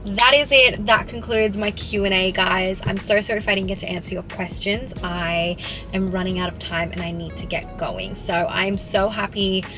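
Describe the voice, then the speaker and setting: A woman's voice: mid-range voice, moderate pace. Chatty young Australian woman, music under. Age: 20s. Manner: chatty, peppered with "like". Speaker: fitness vlogger. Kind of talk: casual Q&A to camera. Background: background music.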